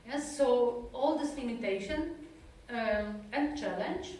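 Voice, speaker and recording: A woman from Europe, a psychotherapist, speaks to an audience about her own experiences in a slightly mellow voice on the high side. Her pace is slow and halting as she searches for words in a second language. The recording comes from a distant mic in an institute's echoey talk room.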